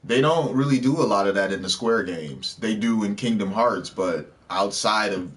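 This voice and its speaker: Low-voiced man joking through a game. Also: moderate pace, a bit bright. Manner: chatty, wisecracking, reacts to the screen. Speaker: streamer. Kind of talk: casual let's play commentary.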